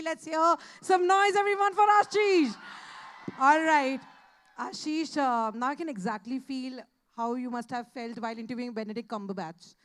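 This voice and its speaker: Young lady hosting on stage, high voice, slow drawn-out hype, faint music behind. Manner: energetic, hypes up the crowd. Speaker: event host. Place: large hall on stage.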